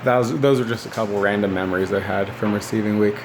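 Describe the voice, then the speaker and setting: A man's voice: lowish voice, fast, background noise. A man in his twenties telling stories casually in a laid-back, rambling way, recorded on a phone indoors. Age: 20s. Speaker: former military recruit recounting boot camp. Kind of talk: casual rambling storytelling to camera. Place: small living room indoors, seated by a window. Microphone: phone at arm's length.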